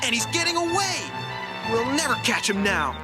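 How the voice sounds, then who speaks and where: An actress voicing a bossy young princess in an eighties animated series, commanding and exasperated. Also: female voice, on the high side, moderate pace, loud music behind the voice. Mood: alarmed.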